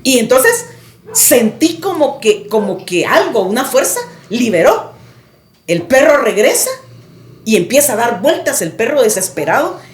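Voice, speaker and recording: Woman guest, dramatic storyteller, higher voice, echoey room. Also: big pitch swings, measured pace. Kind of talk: recounting a personal story.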